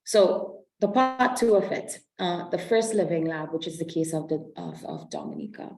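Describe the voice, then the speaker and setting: Woman webinar presenter from Trinidad and Tobago, low and slightly gravelly, on a video call from a roomy space. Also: wildly swooping pitch, normal speed, loud music behind the voice. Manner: explanatory, with frequent um and self-corrections. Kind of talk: online presentation walking through slides.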